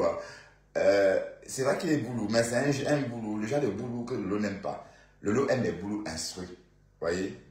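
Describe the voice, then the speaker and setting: A man's voice: deep voice, a little mellow, reverberant. A man from Bandundu with a Congolese French accent, rambling through casual live-stream gossip, full of fillers and asides to his viewers.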